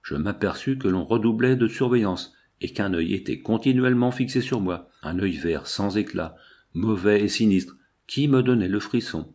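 A man narrating a first-person novel in a measured, expressive reading. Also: fairly low pitch, slightly rough. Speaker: audiobook narrator.

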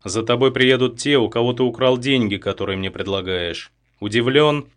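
A man voicing a calm, firm male rescuer who gives curt commands. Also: mid-range voice, normal speed, lightly acted. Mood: dry, firm.

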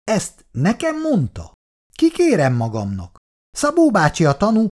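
A man's voice: very animated, mellow. A man voicing a touchy, nervous shopkeeper who pleads and takes offense in a raised, strained voice, in an audiobook reading. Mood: indignant. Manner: pleading, indignant, higher-pitched.

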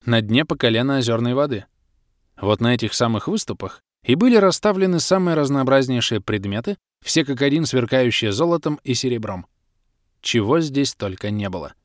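A man's voice: medium pitch, lively intonation, moderate pace, dry recording, studio quality. A man reading a first-person fantasy story aloud with a wry, ironic tone. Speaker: audiobook narrator.

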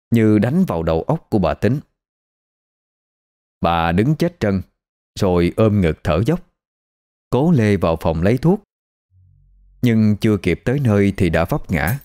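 A man narrating a scripted ghost story in an expressive storytelling manner. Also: on the low side, measured pace, long pauses.

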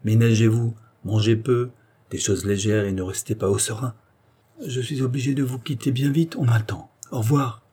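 A man voicing a jovial doctor in his sixties who speaks briskly and heartily. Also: mid-range voice, fairly even intonation, dark tone, breathy edge, natural voice.

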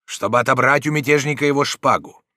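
Stern older judge, commanding and insistent, voiced higher and louder by a male reader. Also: quick pace, dry recording, clean studio sound, lightly acted. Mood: urgent.

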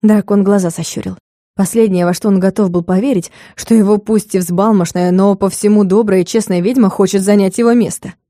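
A woman narrating a comic fantasy audiobook in a measured, expressive way. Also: medium pitch, no echo, clean studio sound.

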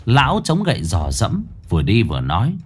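A man narrating a ghost story in a dramatic, expressive way. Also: lowish voice, a little fast, breathy edge. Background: faint background music.

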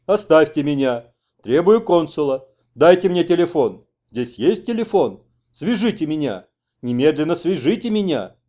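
A man's voice: a little high, big pitch swings, moderate pace, mellow, pitched above the performer's own voice. A man voicing a stout male interpreter with a nasal, whining voice. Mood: whiny.

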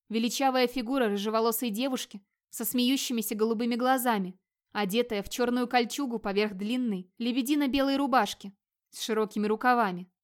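A woman narrating an audiobook in an even, measured storytelling manner. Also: fairly high pitch. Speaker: audiobook reader. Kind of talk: scripted narration.

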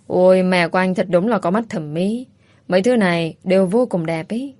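A woman's voice: fairly low pitch, normal speed, a little mellow, no echo, close to an everyday voice. A woman voicing a bold young woman who talks bluntly and playfully. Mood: teasing. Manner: blunt, teasing.

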